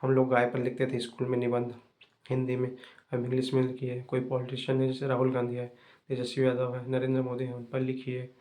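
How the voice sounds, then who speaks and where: Fast-talking young man, flat voice. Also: mid-range voice. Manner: fast, repetitive, conversational. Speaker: English-learning channel host. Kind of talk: casual spoken advice to viewers.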